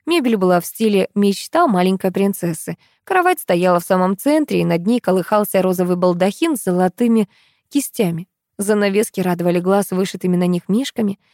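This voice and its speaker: A woman narrating an audiobook in an expressive storytelling style. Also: medium pitch, a little fast, no room sound, clean studio sound.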